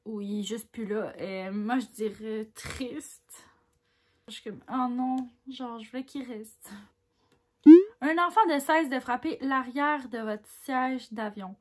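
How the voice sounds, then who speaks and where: A woman's voice: a little high, unhurried. A woman with a Québécois French accent chatting casually as she reads quiz questions aloud and answers them candidly. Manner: chatty and candid, reads each question louder then mulls over answers with little laughs.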